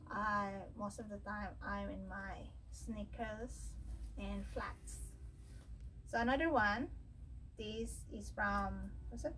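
Unboxing a haul at home, a woman in her thirties from the Philippines, a fashion vlogger, chats away indoors beside wooden drawers. Her voice is medium-pitched, recorded roughly from a distant mic with a little hiss or hum. She talks in Filipino-accented English mixed with Tagalog words, musing aloud with fillers.

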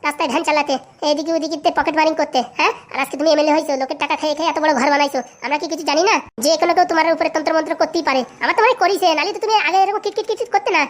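A woman plays a sharp-tongued wife in a comedy sketch, firing off her scolding at a breakneck clip. Her voice sits high and piercing, and she never lets up. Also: steady tone, natural voice. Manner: scolding, fast and shrill.

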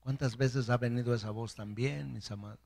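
A man's voice: medium pitch, steady tone, brisk, vocal fry, darkish tone. A man preaching a sermon as pastor, acting out biblical voices and speaking straight to his congregation.

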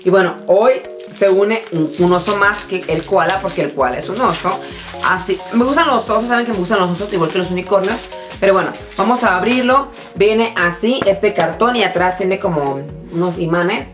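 A woman chats casually through a shopping haul, her voice mid-pitched. She sounds tired yet excitable and addresses her viewers directly. Faint music plays in the background. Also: normal speed. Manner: bubbly, excitable, talks straight to viewers. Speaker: vlogger showing a shopping haul. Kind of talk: casual chatty product show-and-tell.

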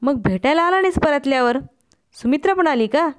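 A woman reading a story aloud, voicing a timid, soft-hearted man who speaks in agitated, exclaiming questions. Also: high-pitched, lively intonation, brisk. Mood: puzzled.

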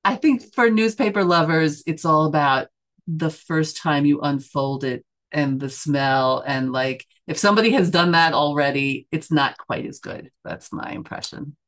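A woman's voice: sits low, unhurried. Thoughtful middle-aged woman, chatty interview. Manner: thoughtful, with many fillers and self-corrections. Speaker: church member and news editor being interviewed. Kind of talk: casual conversational interview.

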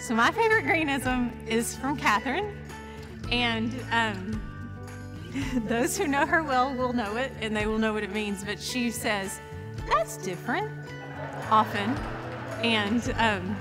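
A woman's voice: fairly high pitch, measured pace. A woman in a video interview, speaking hesitantly with "um"s and giggles. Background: music bed.

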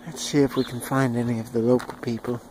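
A man narrating a home video in a hushed, mock-solemn wildlife documentary manner, outdoors in a yard. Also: mid-range voice, little pitch movement, quick pace. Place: outdoors in a yard with chickens and dogs. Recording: outdoor noise with bird calls.

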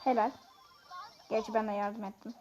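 A woman giving chatty, excitable commentary on her own gameplay, talking straight to her viewers. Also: medium pitch, normal speed, slight background noise. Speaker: gaming YouTuber. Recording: dull lo-fi sound.

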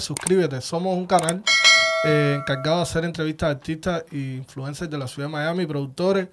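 Upbeat interview host man. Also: a little mellow. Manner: upbeat, pitches giveaways and subscriptions. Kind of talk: casual interview hosting.

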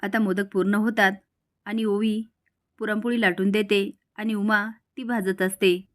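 A woman reading a story recap of a television serial, voicing every part herself in a steady storytelling way. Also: medium pitch, a little slow. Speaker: narrator.

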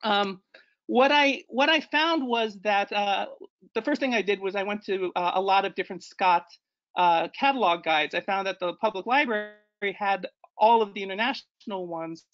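A man's voice: sits high, moderate pace, a bit bright, highs cut off. A man in his forties, born in Ecuador, giving an online slideshow talk as a guest presenter, hesitant, with many fillers and self-corrections. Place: indoor room. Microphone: video call.

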